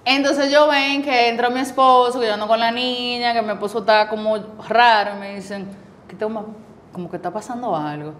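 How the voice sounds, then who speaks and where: A woman's voice: on the high side, fairly quick. A woman in her forties with a Dominican accent, a guest telling her story in a casual interview and acting out the voices of the people she quotes. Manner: lively storyteller who acts out quoted dialogue. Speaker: guest, cancer survivor.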